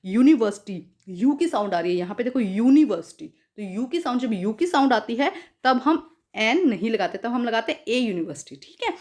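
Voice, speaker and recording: A woman teacher explaining grammar to schoolchildren, repeating points, asking rhetorical questions and reading English examples slowly. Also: fairly high pitch, animated, a little mellow. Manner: calls listeners "beta".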